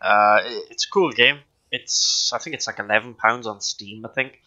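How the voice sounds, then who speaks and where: A man's voice: lowish voice, normal speed, pushed and bright, no room sound, dull audio. A man chatting casually while gaming, laid-back and giggly, swearing freely. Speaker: gaming friend.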